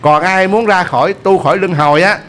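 Lively monk preaching. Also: male voice, high-pitched, a little fast. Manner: lively, asks the audience questions often. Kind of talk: dharma sermon.

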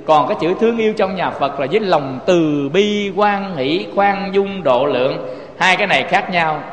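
A man's voice: high-pitched, normal speed, echoey room, big-room sound, crowd noise. A man with a Southern Vietnamese accent preaching a Buddhist sermon, asking rhetorical questions and turning to his listeners again and again. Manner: rhetorical questions, often addresses listeners directly.

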